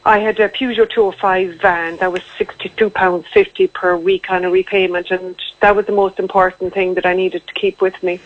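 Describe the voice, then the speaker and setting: A woman's voice: lowish voice, little pitch movement, brisk, hardly any pauses, dry recording. A woman with a west of Ireland accent, talking conversationally and matter-of-factly about her own story as a guest in a radio interview. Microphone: telephone. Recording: tinny narrow-band phone line.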